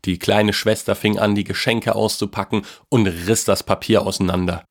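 A man calmly reading a children's Christmas story aloud in a gentle storybook manner. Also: on the low side, moderate pace.

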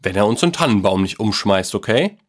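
Guy doing a chill joking dad in a kids story, lowish friendly voice. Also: lively intonation, brisk. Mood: teasing. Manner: friendly, teasing. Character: easygoing, playful father.

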